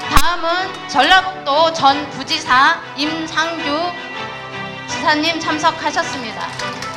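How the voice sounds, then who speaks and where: A woman's voice: high-pitched, takes it slowly, over music. A woman emceeing a ceremony, politely introducing guests one by one in a formal announcing style. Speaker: event emcee.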